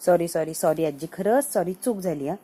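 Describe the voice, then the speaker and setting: Meek young grandson, apologetic and eager to please, soft mellow delivery, as a woman narrator plays him. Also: fairly low pitch, moderate pace, breathy edge, voice pushed down. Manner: apologetic, fawning.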